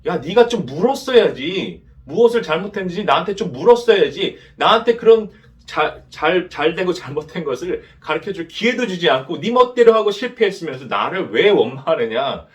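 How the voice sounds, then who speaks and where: A male preacher voicing God as exasperated and scolding loudly, in a high, raised voice. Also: big pitch swings, moderate pace, hardly any pauses. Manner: loud, frustrated scolding.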